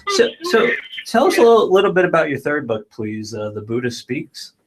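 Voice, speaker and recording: A man hosting a talk show, asking his guest questions in a friendly, slightly halting way. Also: on the high side, huge pitch swings, noisy background. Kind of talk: casual radio interview.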